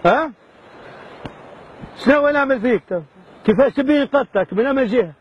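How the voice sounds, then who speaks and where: A man's voice: extremely high pitch, expressive, normal speed, lo-fi sound, slight background noise. A man hosting a hidden-camera prank, coaxing and bossy with a mock-menacing edge. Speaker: prank show host.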